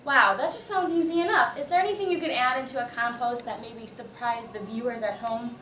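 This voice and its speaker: A woman plays the host in a scripted mock TV news interview, part of a readers theater skit. Her voice is on the high side, brisk, and a bit bright. The recording has an echoey room, a distant mic, and background noise.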